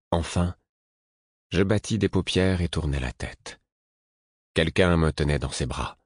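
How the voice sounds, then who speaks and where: A man with a husky voice reading a literary novel aloud in a measured, intimate first-person style. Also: low-pitched, no room sound, studio quality. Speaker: audiobook narrator. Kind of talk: scripted literary narration.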